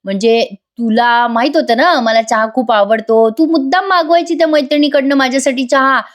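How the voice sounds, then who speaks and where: A woman's voice: sits high, brisk, voice pushed up, lightly acted. A woman doing a sly sweet-talking schemer. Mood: coaxing. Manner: coaxing, wheedling.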